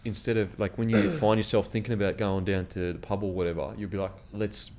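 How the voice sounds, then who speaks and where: A man's voice: on the low side, flat delivery, brisk, darkish tone. A man with an Australian accent hosting a casual chat, matey and slangy, often saying bro and man. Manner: matey, slangy, peppered with 'bro' and 'man'. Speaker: podcast host.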